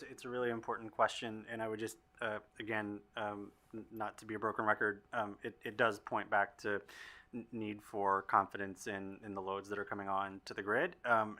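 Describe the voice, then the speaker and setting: A man answering on a policy panel in a measured, careful way, with frequent pauses. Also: on the low side, sharp tone. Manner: measured, careful, many ums. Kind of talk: panel discussion remarks.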